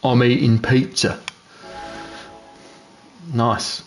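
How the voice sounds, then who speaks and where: Slow-talking New Zealand man streaming. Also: mid-range voice, soft background music. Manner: relaxed, chatty, reads out chat names. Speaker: sim racing streamer. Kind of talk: live gameplay commentary. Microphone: gaming headset.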